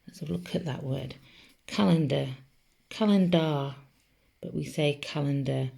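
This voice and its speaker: A woman's voice: low voice, fairly even intonation, normal speed, creaky, darkish tone, slightly rough. A woman teaching a spelling lesson to children, patiently sounding out each letter. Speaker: primary school teacher.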